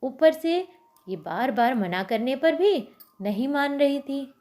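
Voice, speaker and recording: A woman's voice: high voice, animated, slow pace, dark tone. A woman teacher patiently retelling a story to young children, often stopping to explain and ask them questions. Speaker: primary school teacher.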